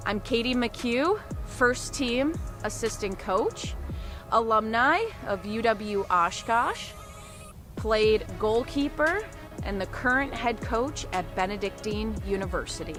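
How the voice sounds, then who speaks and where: Female assistant coach, slow and deliberate self-intro, music behind. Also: a little high, expressive.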